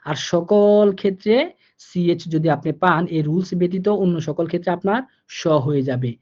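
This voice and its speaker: Male tutor with a Bangladeshi Bengali accent, mellow and low in tone, patient and repetitive, slows down on the rules, muffled lo-fi recording. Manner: patient, repeats rules slowly and asks if students follow. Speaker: German language teacher. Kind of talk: online language lesson.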